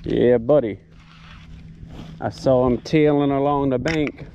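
A man talking excitedly to himself while fighting a fish from a kayak, recorded outdoors on an action camera. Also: mid-range voice, takes it slowly, muffled recording, slight background noise. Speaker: kayak angler filming his catch. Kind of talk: casual first-person commentary. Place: outdoors on a kayak on open marsh water. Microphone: head or chest-mounted action camera.

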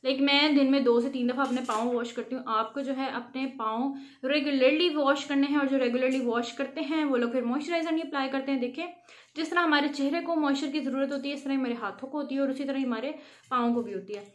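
A woman's voice: sits high, fairly even intonation, quick pace. A woman giving a chatty, instructive home skincare tutorial, often checking in with her viewers. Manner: chatty, instructive, frequent "theek hai" check-ins. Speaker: beauty vlogger. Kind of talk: casual how-to vlog.

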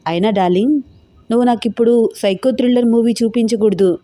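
A woman's voice: a little high, quick pace, mellow, no echo, clean studio sound, close to an everyday voice. A woman voicing a playful young man who teases his bride-to-be in an audio story. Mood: teasing. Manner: playful, teasing. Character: teasing young man, kickboxer fiancé.

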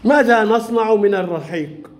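A male primary school teacher with a notably high voice fires questions at young pupils. He is patient, praises right answers and gently scolds those who stray. His delivery is classroom questioning. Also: moderate pace.

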